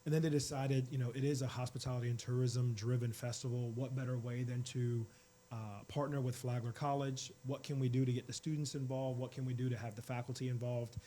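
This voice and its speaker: A man in his forties, a college department chair, talking in a relaxed interview with fillers. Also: mid-range voice, a little fast, slight background noise. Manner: warm, relaxed storytelling with fillers. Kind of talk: casual interview talk.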